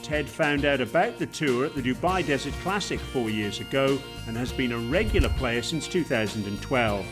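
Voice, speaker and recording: A narrator reads a scripted sports feature, his delivery smooth, measured and expressive, with a pitch that rises and falls freely. Plucked guitar music can be clearly heard beneath his voice.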